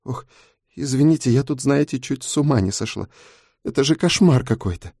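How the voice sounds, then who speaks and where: A man's voice: mid-range voice, lively intonation, moderate pace, a little mellow, no echo, studio quality, voice pushed up. A man voicing a frightened young female schoolteacher who speaks tearfully. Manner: tearful, pleading.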